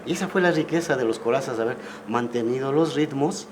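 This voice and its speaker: A man in his sixties, speaking, recounts memories in an unhurried, conversational way and keeps adding little tag questions. His voice sits at an ordinary pitch. A clear layer of background noise runs under the recording. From Ecuador. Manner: relaxed storytelling, frequent tag questions. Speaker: guest musician. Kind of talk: casual interview conversation.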